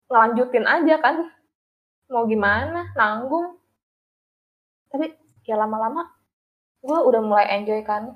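A woman's voice: on the high side, lively intonation, unhurried, pauses often, lo-fi sound. A young woman, casually telling her story in slangy talk and laughing often as an interview guest.

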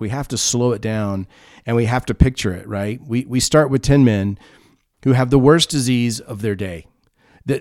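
A man giving a sermon as pastor, in an earnest, measured preaching manner with frequent restarts. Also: mid-range voice, darkish tone, dry recording, studio quality.

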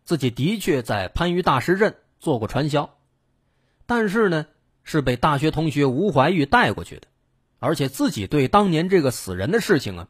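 A man's voice: on the high side, slightly rough. A man narrating true crime as a dramatic storyteller, building suspense with questions.

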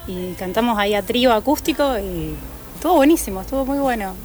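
An Argentine woman, a singer-songwriter, singing live with guitar and then chatting softly and quickly in an interview. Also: on the high side, lively intonation. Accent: Argentine Spanish.

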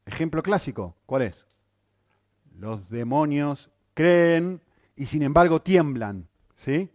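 A male pastor preaching a sermon, animated, with rhetorical questions and frequent checks on his listeners. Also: on the high side, takes it slowly, no room sound, clean studio sound.

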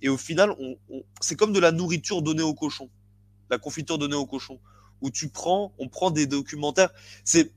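A man co-hosting a podcast, chatting casually and haltingly with frequent restarts and fillers. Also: fairly high pitch. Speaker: podcast co-host. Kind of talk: casual chat about boxing.

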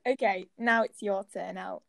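A woman's voice: mid-range voice, steady tone, moderate pace, creaky, a bit bright, no echo. A woman hosting a casual podcast chat, playful and teasing, laughing often. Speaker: podcast host.

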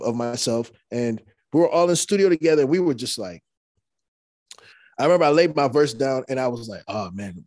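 A young man who raps sits as an interview guest, casually telling stories that ramble along with many fillers and restarts. The mid-range voice is relaxed, captured in studio quality without room sound.

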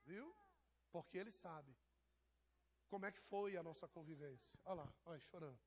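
A high-pitched man delivers a loose, chatty sermon. He teases and jokes with people in the pews as he preaches. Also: moderate pace. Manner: teasing, jokey, addresses people in the pews. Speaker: pastor. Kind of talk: informal sermon to a congregation.

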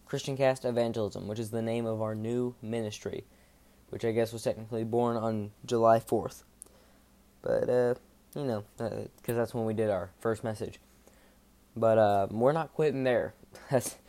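This is a relaxed devotional podcast in which a man with a fairly low voice talks in a monotone, wandering informally and stopping for halting self-corrections.

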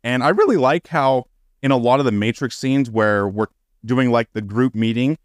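A man's voice: moderate pace, clean tone, dry recording, clean studio sound. A man co-hosting a casual podcast, swearing freely and breaking into exasperated rants. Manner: profane, ranting, gets loud and high when exasperated. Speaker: podcast co-host.

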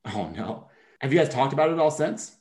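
A man's voice: mid-range voice, lively intonation, brisk, darkish tone. Male podcast host, casual interviewer, brief prompting questions.

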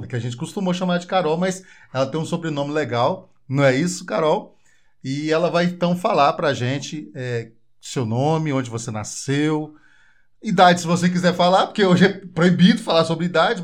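Casting: man, Goiás Brazilian accent, chatty joking podcast host, slightly high voice. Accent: Goiás Brazilian Portuguese. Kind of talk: casual interview chat.

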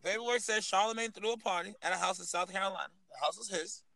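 A man co-hosting a casual podcast, telling a story in an animated way with lots of profane slang. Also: sits high, fast, creaky, slight background noise, low-quality recording. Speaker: podcast co-host. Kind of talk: casual heated chat.

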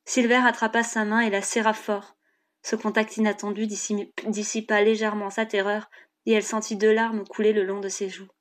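A woman narrating an audiobook chapter in a steady, measured reading. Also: mid-range voice.

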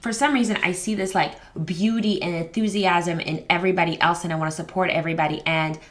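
A woman hosts a parenting podcast in a relaxed, conversational way. She rambles candidly, acting out her own inner voice with quotes and fillers, in a slightly low voice. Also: quick pace. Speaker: podcast host. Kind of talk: casual conversational interview.

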